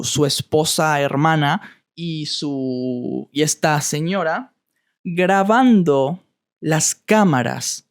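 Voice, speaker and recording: A man with an Argentine accent, a Spanish teacher telling a story slowly for learners, repeating words as he searches for them. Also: fairly high pitch. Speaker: Spanish teacher and podcast host. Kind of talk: slow storytelling for language learners.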